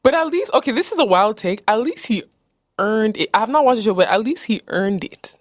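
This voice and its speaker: A young woman from Nigeria hosting a podcast, chatting in a quick, playful way. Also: on the high side, animated, no room sound, clean studio sound. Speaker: podcast host. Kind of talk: casual chat.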